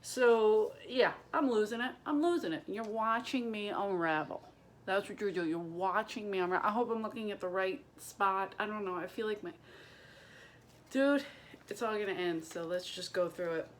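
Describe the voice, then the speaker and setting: Profane, animated woman telling a story. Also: medium pitch, moderate pace, slight background noise. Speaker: stand-up comedian. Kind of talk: casual storytelling to camera. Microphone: camera propped on boxes and books.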